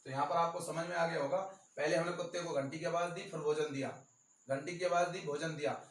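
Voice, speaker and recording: A man's voice: a little high, fairly even intonation, distant mic. Man teaching in an echoey room. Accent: Rajasthani. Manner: repetitive, stressing key terms slowly. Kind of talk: exam-prep lecture.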